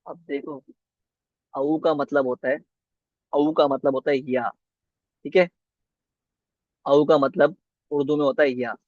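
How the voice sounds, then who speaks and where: A man's voice: on the high side, steady tone, no echo. A man teaching a beginner Arabic lesson, repeating each word and checking with his students as he goes. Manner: slow, repeats words and asks "ठीक है?". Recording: dull, dry lo-fi sound.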